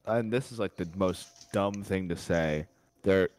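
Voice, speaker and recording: A man's voice: deep voice, unhurried, darkish tone. A young man co-hosting a casual sports podcast, laid-back, mostly giving short replies. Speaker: podcast co-host.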